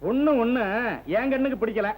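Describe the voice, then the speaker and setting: A man's voice: very high-pitched, a little fast, darkish tone, low-quality recording. An actor playing a pompous, domineering middle-aged village headman who dotes on his son, in a 1960s film. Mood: boastful. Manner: boastful and domineering. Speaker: village council president.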